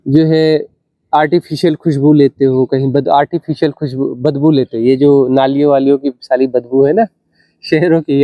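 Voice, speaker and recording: A man gives a spiritual discourse in a fairly high but mellow voice. He talks unhurriedly, circling back to his phrases and asking rhetorical questions. The sound is dry and close, with no room around it. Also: no room sound. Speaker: spiritual teacher.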